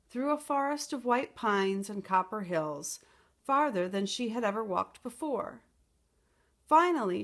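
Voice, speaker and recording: A woman plays a storytime teacher reading a children's picture book aloud, expressive and explaining as she goes. Her voice is fairly high.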